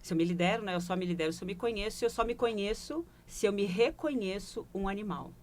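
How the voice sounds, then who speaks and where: In a broadcast studio interview, a leadership consultant with a Brazilian Portuguese accent describes her work reflectively, frequently adding brief questioning asides. Her voice is medium-pitched and fast.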